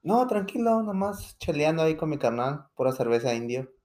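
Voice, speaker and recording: A man's voice: fairly high pitch, big pitch swings, normal speed, a little mellow. A man on a casual podcast giving brief, laid-back answers full of slang. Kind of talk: casual chat.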